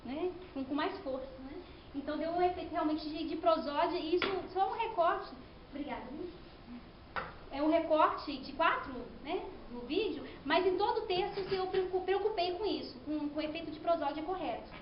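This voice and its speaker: A woman's voice: extremely high pitch, moderate pace. Woman, academic presentation, explanatory, many "né?" tags, faint room noise. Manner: explanatory, with frequent "né?" and restarts. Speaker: student presenting her thesis. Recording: echoey room, slightly dull sound.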